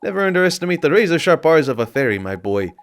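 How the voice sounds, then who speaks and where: A man's voice: fairly high pitch, sing-song, voice pushed up. A man voicing a cocky little male fairy sidekick, bossy and blustery as he reads game dialogue aloud. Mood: boastful. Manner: bossy, blustery, quick to scold.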